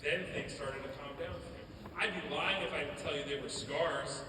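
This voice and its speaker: A man giving a school assembly talk as a motivational speaker, telling stories in an animated way in a school auditorium. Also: a little high, moderate pace. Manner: storytelling, animated. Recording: echoey hall from far off, background noise.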